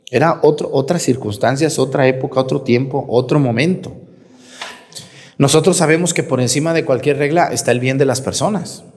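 Man, priest, colloquial teasing homily, rhetorical questions, long church reverb. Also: mid-range voice. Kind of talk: homily at Mass.

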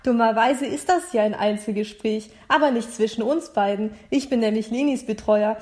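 A woman's voice: fairly high pitch, moderate pace, a little mellow, lightly acted. A woman voicing a blunt sarcastic supervisor. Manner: mocking, brash. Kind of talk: audiobook character voice.

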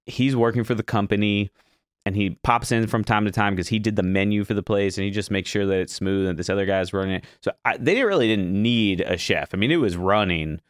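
A man's voice: on the low side, a little fast, no room sound, clean studio sound. A young man telling a kitchen story in casual talk, acting out his panic in a raised voice. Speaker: guest chef.

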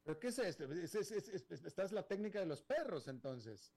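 A man's voice: sits high, sing-song, brisk, a little mellow. A man co-hosting a talk show, answering with short, skeptical, dry remarks. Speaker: co-host.

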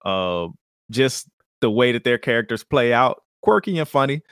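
A man's voice: medium pitch, animated, moderate pace, fairly bright tone, clean tone, no room sound. Easygoing slangy man, dry sound. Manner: easygoing slangy talk, laughs often. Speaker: podcast co-host. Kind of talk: casual chat.

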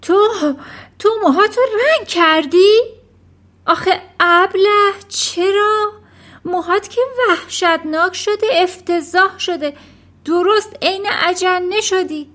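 A woman's voice: extremely high pitch, a bit bright, voice pushed up. A woman doing a shrieking scornful mother. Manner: shrieking and scolding. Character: shrieking scornful mother, sharp-tongued and vain.

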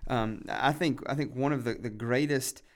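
A man's voice: mid-range voice, normal speed. Earnest man, a pastor, repeating himself. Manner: earnest, repeats words while building points. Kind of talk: casual podcast conversation.

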